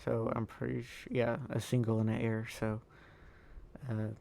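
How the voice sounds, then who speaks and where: A man recording a tired, halting voice-over over his own sports video game footage, full of ums and uhs. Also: completely flat delivery, vocal fry, mellow. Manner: low-key, halting, lots of ums and uhs. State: tired, yawning. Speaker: gaming YouTuber.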